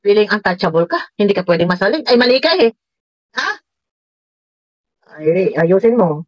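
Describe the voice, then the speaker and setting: A woman's voice: mid-range voice, sing-song, fast, dry recording. A woman reacting to a clip, scolding and mocking its speaker with frequent laughs. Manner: scolding, sarcastic, laughs often. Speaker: reaction vlogger. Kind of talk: reaction commentary.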